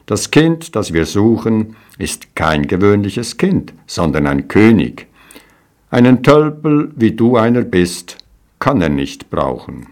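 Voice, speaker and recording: A man's voice: sits low, huge pitch swings, normal speed, hardly any pauses. A man voicing a group of scornful shepherds in a storybook reading, speaking in a mocking tone. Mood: dismissive.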